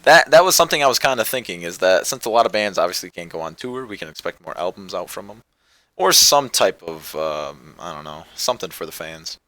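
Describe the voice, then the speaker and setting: A man's voice: deep voice, lively intonation, a little fast, bright, forceful tone, no room sound. A man hosting a casual podcast, rambling loosely through his thoughts and turning upbeat when he plugs the show. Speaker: podcast host. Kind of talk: casual chat.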